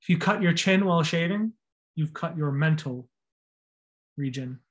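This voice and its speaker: A man's voice: on the high side, animated, moderate pace. Man teaching anatomy over slides. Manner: spells out and repeats terms, stresses pronunciation. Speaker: anatomy lecturer. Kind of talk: recorded lecture over slides.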